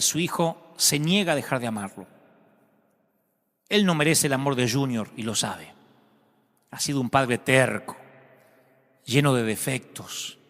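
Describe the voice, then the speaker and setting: A man preaching a sermon, telling a story dramatically and rising loudly at its peaks. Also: a little high. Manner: dramatic, swells loudly when quoting the son. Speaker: pastor. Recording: long hall reverb.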